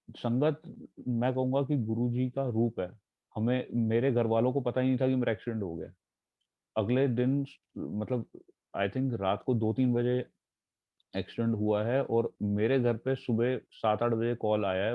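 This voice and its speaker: Young male devotee, earnest and halting, dry close sound. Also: fairly low pitch, dry recording. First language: not Punjabi. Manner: earnest, halting storytelling with fillers and English phrases. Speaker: devotee sharing testimony. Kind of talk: personal testimony. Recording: tinny phone-like sound.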